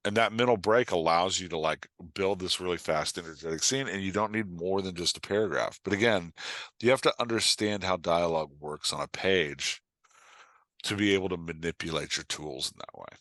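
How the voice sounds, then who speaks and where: A man with a low voice speaks a little fast as a podcast guest and coach, talking about his craft in a casual, blunt way. He's animated and emphatic, often acting out imagined readers' reactions, and his informal talk is peppered with "like" and "right?". There's no room sound.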